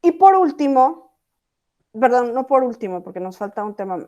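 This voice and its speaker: A female teacher gives an online lesson in a slightly high voice. She explains patiently and keeps checking in with her students. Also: very animated, moderate pace, a little mellow, lo-fi sound. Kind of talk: online class lecture.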